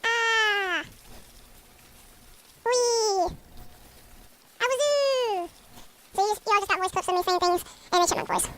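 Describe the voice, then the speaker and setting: A man's voice: sharp tone, exaggerated voice. A young man speaking through a chipmunk voice changer in a casual gaming voiceover, his voice pushed far up, chattering in silly bursts. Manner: chattery, rushed, silly exclamations. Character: high squeaky chipmunk version of the male gamer himself. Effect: chipmunk-style voice changer, pitched far up. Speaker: gaming video creator.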